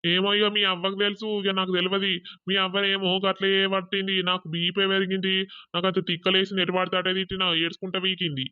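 A man's voice: high-pitched, monotone, quick pace, smooth, no echo, phone-quality sound, close to an everyday voice. A man voicing an angry middle-aged village father who scolds and mutters bitterly about disowning his daughter. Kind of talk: cartoon voice acting.

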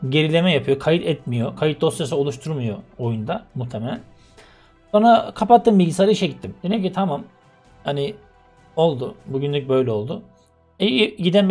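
A man's voice: sits high, a little mellow. A young man chatting casually to his viewers before a let's-play, rambling about his troubles and walking through game settings. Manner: rambling, talks straight to viewers as friends. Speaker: gaming YouTuber.

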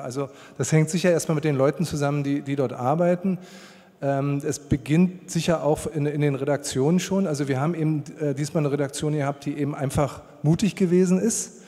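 A man's voice: fairly high pitch, mellow. Blunt rambling man on a convention stage. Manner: blunt, rambling, many restarts. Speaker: panel guest, producer. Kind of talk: panel discussion. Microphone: handheld mic. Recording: long hall reverb.

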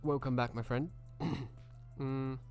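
A man's voice: mid-range voice, steady tone, takes it slowly, darkish tone, soft background music. A man streaming a video game live, chatting casually and greeting viewers by name.

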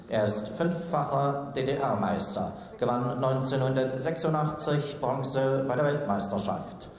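A man working as a boxing ring announcer, formally and deliberately presenting fighters over a sports hall's loudspeakers. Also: medium pitch. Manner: measured, formal delivery of names and records. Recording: echoey sports hall PA, long reverb, faint noise.

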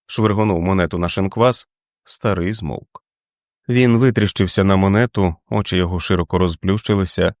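A man reading a novel aloud as an audiobook, in a steady, measured way. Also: sits low, no echo, clean studio sound. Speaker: audiobook reader. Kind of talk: scripted narration.

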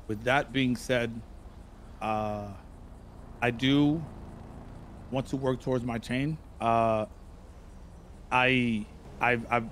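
On a boom-arm studio mic in an indoor streaming room, a drunk man streams improvised role-play in a mid-range voice. He talks earnestly and haltingly, groping for each phrase, with some background noise.

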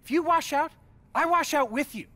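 Slick, high-pitched sports agent. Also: male voice, bright, forceful tone. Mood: urgent, reassuring. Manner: fast-talking, pep-talk persuasion. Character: slick, persuasive young male sports agent. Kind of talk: video game cutscene acting.

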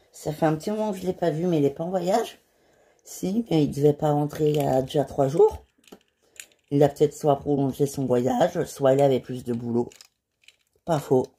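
A woman voicing every character in a homemade toy-figure drama, switching quickly between voices and breaking into shouted cries for help. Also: low-pitched, breathy edge. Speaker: voice actor of a toy-figure series. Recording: background music under the voice.

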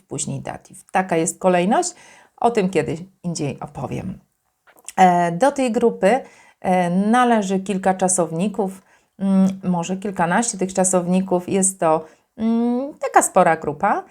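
Woman teaching german grammar, slow patient explaining, lowish voice, lots of ums. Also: darkish tone. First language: Polish. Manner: slow, careful, patient explanation with frequent fillers.

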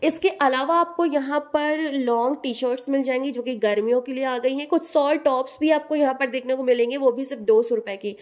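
She's a shopping vlogger chatting through a tour of an outdoor street market, listing price after price. Her high voice moves briskly, with hardly any pauses.

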